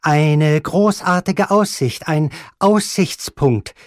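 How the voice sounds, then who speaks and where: A man voicing a flustered, fawning gentleman in an audiobook, stammering with a trembling voice. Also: a little high, takes it slowly, no echo, studio quality, pitched above the performer's own voice. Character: flustered French gentleman, ingratiating. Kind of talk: audiobook reading.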